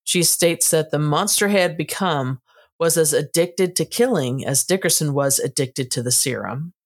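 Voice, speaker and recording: A woman co-hosting a casual book review podcast, giving a steady, matter-of-fact plot recap. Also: sits low, normal speed. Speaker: podcast co-host.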